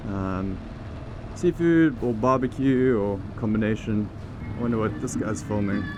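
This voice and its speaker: A man with a lowish, slightly slow voice chats casually to the camera while riding a motorbike outdoors through city traffic, thinking aloud and restarting now and then. He's a vlogger and the founder of a teaching program; traffic noise and music can be heard behind him.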